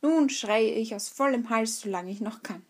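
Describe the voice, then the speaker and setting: A woman voicing a proud, loud-crowing rooster in a spoken fairy tale. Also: on the high side, normal speed, natural voice. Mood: indignant.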